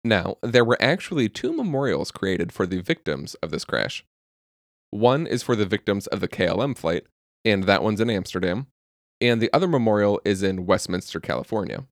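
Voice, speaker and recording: A young man with a lowish voice that swings lively up and down co-hosts a casual podcast. He reads out facts, then drifts into jokes and swearing. The sound is close and dry. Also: normal speed, dry recording. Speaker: podcast co-host. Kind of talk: casual chat, telling a story from notes.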